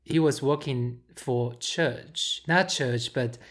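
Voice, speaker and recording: Slow and bass-voiced, this Taiwanese woman co-hosts a podcast, casually talking about films. She's giggly, tends to confuse names, and repeats herself.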